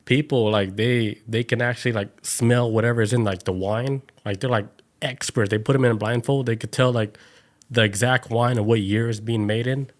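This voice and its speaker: A man's voice: mid-range voice, fairly even intonation, normal speed. Man telling a loose, rambling story. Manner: loose storytelling full of "like" and acted-out voices. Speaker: podcast co-host. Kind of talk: casual chat.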